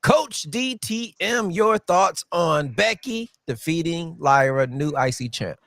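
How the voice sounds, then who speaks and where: A man's voice: fairly high pitch, animated, slow pace, gravelly, fairly bright tone, dry recording. A man hosting a casual wrestling podcast, laughing often and passing questions to his co-hosts. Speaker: podcast host.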